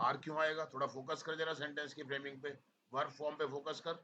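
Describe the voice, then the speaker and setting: A man teaching English speaking practice, gently coaxing his students to speak without fear. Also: a little high, flat delivery, quick pace. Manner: coaxing, calls students "beta" often. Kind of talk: encouraging feedback to students. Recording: muffled lo-fi with loud background noise and clicks.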